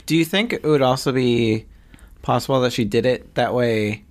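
A man's voice: medium pitch, moderate pace. A man co-hosting a podcast in casual chat, reacting with short, dry, wry remarks. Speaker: podcast co-host.

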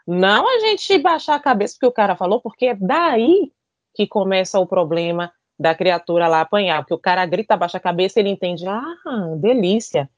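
A woman, talking bluntly and emphatically as a panelist. Her pitch swings widely from phrase to phrase. The recording is dry, with no room sound. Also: expressive, brisk, no room sound. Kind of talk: casual panel discussion.

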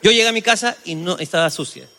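Animated high-voiced man. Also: fast talker, long reverb tail, faint music behind. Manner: animated storytelling, acts out voices, laughs often. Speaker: podcast co-host. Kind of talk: comedic casual chat.

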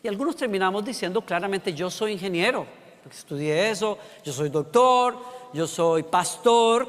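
High-voiced preacher man in a hall. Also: fairly bright tone. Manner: humorous storytelling preacher. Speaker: pastor. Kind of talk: sermon.

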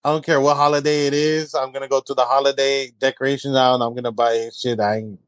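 A young man from San Antonio, telling stories in a casual chat, full of fillers and quick voices of people he mimics. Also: no room sound. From San Antonio, Texas. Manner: animated storyteller, many fillers, quick high-pitched mimicry of others. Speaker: guest, comedy creator.

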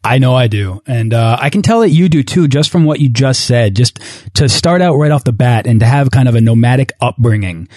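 A man's voice: mid-range voice, lively intonation, brisk, darkish tone, dry recording, studio quality. A man hosting a podcast, reading an upbeat intro and interviewing a guest. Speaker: podcast host.

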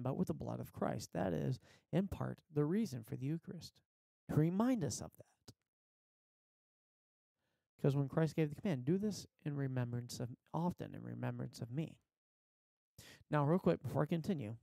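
Gravelly, mellow man teaching scripture. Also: mid-range voice, no echo. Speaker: Bible teacher, preacher. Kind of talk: informal teaching sermon with scripture reading. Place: basement of a house.

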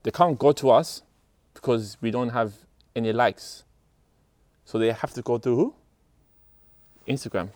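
A man's voice: mid-range voice, measured pace, long pauses, a little mellow, no echo. Man on a dry-sounding podcast. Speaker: podcast co-host. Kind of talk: casual podcast chat.

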